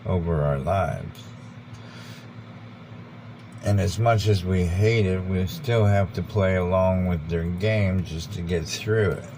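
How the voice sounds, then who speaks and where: An American man giving an informal, rambling monologue, earnest and deliberate, repeating phrases for emphasis. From United States. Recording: background noise with vehicle rumble.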